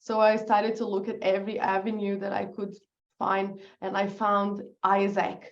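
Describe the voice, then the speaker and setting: A woman's voice: mid-range voice, monotone, normal speed, muffled recording. A woman from Brazil with a Brazilian Portuguese accent, a guest in a casual interview who laughs often and sometimes searches for words. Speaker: guest, business founder.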